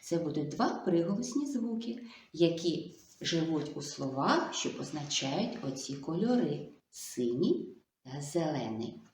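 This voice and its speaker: A woman speech therapist gives a video lesson to young children, slow and coaxing, full of sing-song diminutives. Her voice is deep and sing-song with a darkish tone. The room is echoey.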